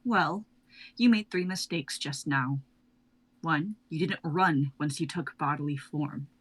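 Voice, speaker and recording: In a live drama reading, a performer voices a fearless sorceress who claims to be a god, sounding cool, cutting, confident and self-assured. The voice is medium-pitched, slightly rough and measured in pace.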